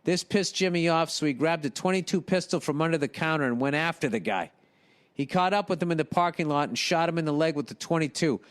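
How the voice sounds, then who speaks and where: A middle-aged man, hosting a podcast, reading listener emails and riffing on them with profane, animated comedy. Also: fairly high pitch, brisk, smooth.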